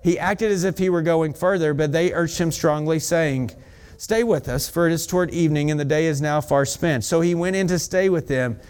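Man, pastor, eager fast sermon, slightly high voice, church. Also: clean tone. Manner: excited, fast-talking preaching with asides to the congregation.

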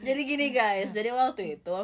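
Jakarta girl, high voice that jumps all over, retelling a story and doing the voices. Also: a little fast, noisy background. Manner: lively, laughing retelling with quoted voices. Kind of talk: casual chat.

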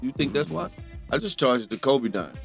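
A man co-hosting a podcast, telling stories in animated, joking chat. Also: medium pitch, brisk, creaky, soft background music. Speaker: podcast co-host.

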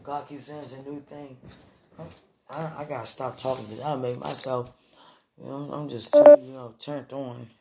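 A woman leaving an intimate voice message from her bed, sighing and slipping between low murmurs and whispers, with her phone right at her mouth. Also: animated, normal speed, vocal fry, heavy background noise. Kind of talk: intimate late-night voice message. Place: lying in bed at home. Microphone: phone held right at the mouth.

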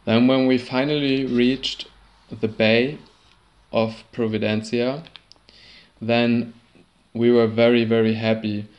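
A man recounts a personal story at an unhurried pace. His voice stays fairly flat, and he often stumbles, restarts and repeats words as he searches for what to say. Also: mid-range voice, lo-fi sound. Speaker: sailor recounting a trip.

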